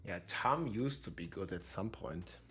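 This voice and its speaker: A man's voice: sits low, expressive, measured pace, fairly bright tone. A man streaming a game, speaking into a livestream headset mic, thinking aloud and talking straight to his chat in a casual way. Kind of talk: casual livestream chat while planning builds.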